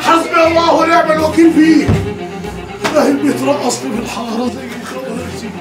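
A pious Egyptian father in a screaming rage, his voice high and fast. He is heard from a distance in an echoey room over loud music, like a TV drama. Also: little pitch movement, a loud crowd. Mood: raging. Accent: Egyptian Arabic. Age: middle-aged. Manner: shouting, wailing curses. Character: pious, furious father throwing out his son. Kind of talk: TV drama acting.

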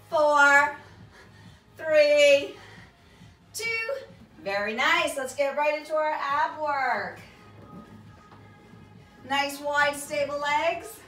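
A woman's voice: high-pitched, bright, forceful tone. A middle-aged woman working as a fitness instructor, giving encouraging, short clipped cues and counts as she leads a workout. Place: small carpeted home exercise room, indoors. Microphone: camera across the room. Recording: echoey room, distant mic, background music.

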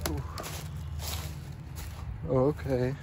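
A man exploring an abandoned farmhouse on a handheld phone camera, commenting on what he finds in a curious, low-key way. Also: level tone, extremely slow, very noisy. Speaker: urban explorer vlogger. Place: abandoned farmhouse and yard, indoors and out.

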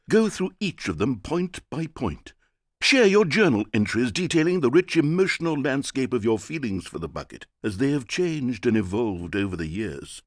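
A man's voice: medium pitch, dry recording. A man voicing a sardonic, condescending narrator in a video game, with dry, mocking delivery. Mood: mock dramatic.

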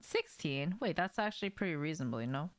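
A deep-voiced young adult woman talks a little fast with lively intonation, and there's no echo on the recording. Streaming a game from a small home room, she chats casually with her audience, offhand and sweary, often asking questions.

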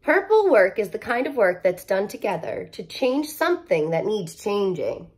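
In a living room at home, a woman in her thirties reads a children's picture book aloud in a teacherly, expressive way, adding chatty asides straight to young listeners. Her voice is mid-range and her pace moderate.

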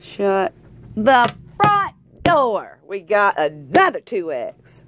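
Southern us lady doing a hyped folksy vlog, super up and down voice, kinda slow drawn out talking. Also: mid-range voice, wildly swooping pitch, background noise. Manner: exuberant, folksy, repeats phrases for emphasis. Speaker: lottery scratch-off video host. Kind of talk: casual excited vlog chat. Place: indoors at a tabletop, hands-only shot.

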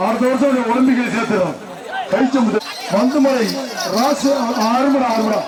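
A man with a very high, keyed-up voice barks out announcements through a loudspeaker, heard echoing from far across an open arena. A roaring crowd and heavy noise surge behind him as he calls out bulls and warns the tamers. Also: moderate pace. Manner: excitable, calling out bull names and warnings to tamers. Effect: through a loudspeaker system. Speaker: bull-taming event announcer. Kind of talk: live event commentary over a loudspeaker. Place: outdoor festival arena. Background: loud cheering crowd and noise.

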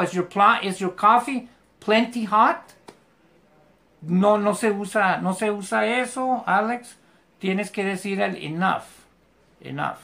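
An English teacher, giving a live online class from a home bedroom and patiently repeating English examples slowly and carefully. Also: medium pitch, vocal fry, fairly bright tone.

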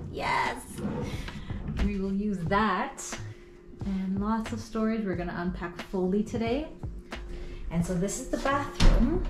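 A woman's voice: mid-range voice, roomy sound. A woman vlogger chatting delightedly as she shows off a rented apartment indoors. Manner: chatty, delighted, quick asides. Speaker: travel vlogger. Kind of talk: casual tour narration.

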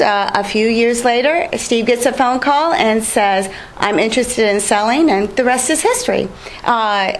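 A woman's voice: on the high side, slight background noise, low-quality recording. A woman business owner being interviewed on TV, telling her story in a friendly, chatty way with fillers. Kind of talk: casual TV interview.

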